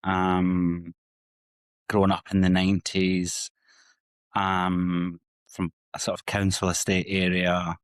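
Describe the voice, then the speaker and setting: Low, flat-voiced Scottish man. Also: slow, clear, resonant tone, no room sound. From Scotland. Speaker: psychotherapist guest. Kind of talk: candid personal interview.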